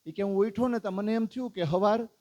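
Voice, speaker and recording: A man tells a religious story as a sermon, in a voice pitched somewhat high. He keeps asking his listeners questions and voices the characters' lines himself. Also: quick pace, a little mellow. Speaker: religious discourse speaker. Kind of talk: storytelling sermon to a live audience.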